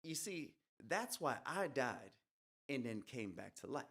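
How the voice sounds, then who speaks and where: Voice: mid-range voice, sing-song, measured pace, a bit bright, slightly rough, exaggerated voice. A performer playing a young male soldier who has come back from death, telling his tale in a folksy rural dialect as a dramatic monologue. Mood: eerie folksy. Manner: folksy storytelling with rural dialect, whispered hisses. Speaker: stage performer. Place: live event at an art museum.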